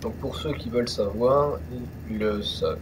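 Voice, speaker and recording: A man's voice: mid-range voice, moderate pace, background noise. A young man casually commenting on a truck driving game, rambling with many fillers and restarts. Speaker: gaming youtuber. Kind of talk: casual let's-play commentary.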